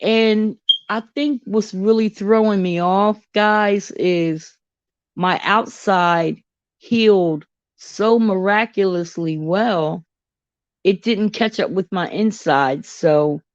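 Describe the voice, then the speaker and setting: A woman vlogging in a candid, chatty and expressive way. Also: lowish voice, slow pace, dry recording, dull audio. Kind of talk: casual personal vlog.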